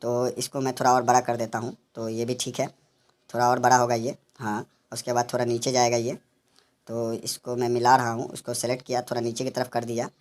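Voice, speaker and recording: A man narrating a software animation tutorial, explaining each step as he works and often addressing viewers as friends. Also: medium pitch, monotone, brisk.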